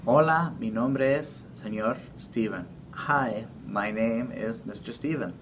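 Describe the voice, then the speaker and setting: A man's voice: medium pitch, takes it slowly. A young man presenting a simple word lesson for children. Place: indoors before a plain backdrop. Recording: distant mic with noisy room ambience.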